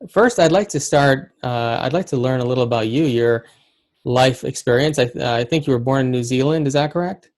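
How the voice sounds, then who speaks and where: A man's voice: mid-range voice, a little fast, darkish tone. A man hosting an interview show, speaking in an earnest, somewhat hesitant way with restarts. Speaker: host.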